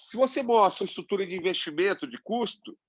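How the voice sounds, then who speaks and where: A man's voice: high-pitched, lively intonation, fast talker, no room sound, lo-fi sound. A man with a Brazilian accent giving an informal webinar lecture, chatty and full of tag questions. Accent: Brazilian Portuguese. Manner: conversational, many fillers and tag questions. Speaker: webinar presenter. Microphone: webinar computer mic.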